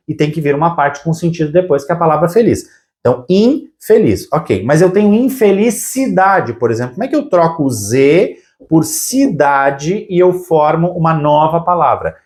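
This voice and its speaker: A man teaching a recorded video lesson. He explains step by step, slows down to stretch out key words, and checks in with his students every few phrases. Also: a little high, a little mellow. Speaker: Portuguese language teacher.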